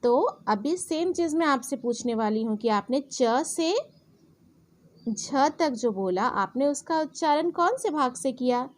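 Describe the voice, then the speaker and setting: A young woman teaching a children's alphabet lesson, sounding out each letter slowly and deliberately. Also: high-pitched, expressive.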